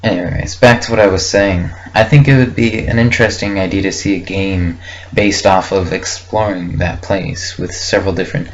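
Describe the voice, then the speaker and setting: Fairly even in intonation, a young man's low voice proceeds at a moderate pace through a casual, rambling audio log. He thinks out loud in short, hesitant, reflective bits without a script, recorded on muffled lo-fi audio with faint noise in the background.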